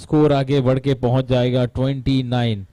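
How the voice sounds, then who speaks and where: A man's voice: medium pitch, level tone, normal speed, mellow, no room sound. A man with an Indian accent doing live cricket commentary, dramatic, with rhyming wordplay and some English mixed in for the scores.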